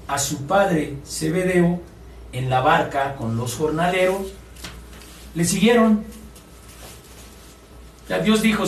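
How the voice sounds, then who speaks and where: A man's high-sitting voice carries a little hiss or hum as he preaches as pastor. He puts questions to the congregation and mocks complainers by whining like them. A distant mic picks this up in an echoey room with faint ambience.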